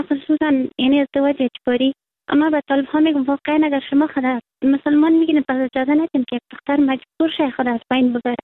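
A woman's voice: sits high, no room sound. A young woman with an Afghan Dari accent leaves an earnest, unscripted personal appeal over a phone line. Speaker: listener leaving a message. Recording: narrow, tinny phone line.

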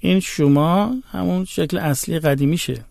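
A man whose first language is Azerbaijani Turkish speaks as a guest in a conversation. He explains patiently and works through example after example. His voice sits at an ordinary pitch and is recorded close and dry. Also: creaky, a little mellow, no room sound.

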